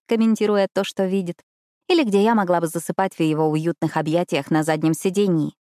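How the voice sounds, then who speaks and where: Expressive female audiobook narrator. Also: on the low side, no echo, clean studio sound. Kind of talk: first-person audiobook narration.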